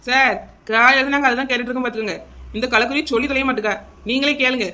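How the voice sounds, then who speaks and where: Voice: high voice, steady tone, racing, pushed and bright. A voice actor playing a pushy, complaining village neighbor in a cartoon, heard from off mic.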